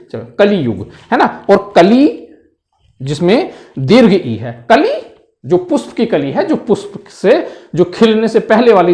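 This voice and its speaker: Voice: medium pitch, a little mellow. A Hindi teacher giving an exam-prep lesson on word pairs, explaining patiently and repeating each word, often checking in with "है ना".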